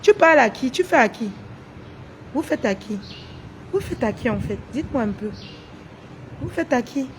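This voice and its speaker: A woman's voice: high-pitched, lively intonation, normal speed, pauses often, noisy background. A woman on a casual livestream, taunting her rivals with repeated rhetorical questions. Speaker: social media livestreamer.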